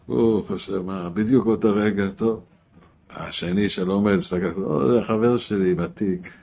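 A man with a very low voice delivers a Torah lesson built on stories. He keeps asking his listeners rhetorical questions. His level swings between quiet, low asides and loud cries. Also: creaky, breathy edge. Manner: storytelling, rises to shouting at emotional peaks; asks rhetorical questions, drops to a low murmur. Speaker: rabbi teaching Torah.

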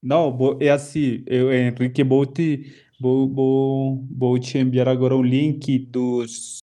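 Dark-voiced Colombian man speaking halting accented Portuguese. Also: medium pitch, level tone. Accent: Colombian Spanish. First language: Spanish. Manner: halting, searching for words, slipping into Spanish. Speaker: interview guest. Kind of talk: casual podcast interview.

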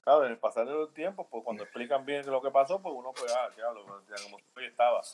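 A man with a Puerto Rican accent talks as a podcast guest in a voice of ordinary middle pitch. He lays out his views in an earnest, unhurried way, thinking aloud as he goes. He keeps checking in with his listener through quick tag questions. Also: a little mellow, a little hiss or hum, low-quality recording. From Puerto Rico. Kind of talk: casual opinion chat.

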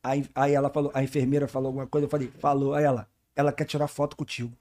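In a podcast studio, a male guest with a medium-pitched, rapid-fire voice tells stories in casual, slangy chat. He's animated and acts out the voices of the people in them.

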